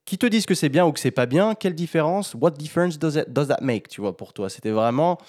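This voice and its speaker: A man's voice: fairly high pitch, lively intonation, fast, a little mellow. A man hosting a casual interview, enthusiastic and reflective, slipping in English phrases. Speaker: host.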